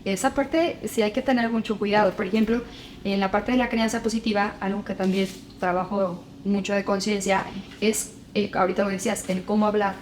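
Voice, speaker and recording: A woman, a parenting expert explaining calmly and acting out commands to children. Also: mid-range voice, a little fast, a little hiss or hum, poor audio. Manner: didactic, acts out commands to children. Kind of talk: explanatory conversation.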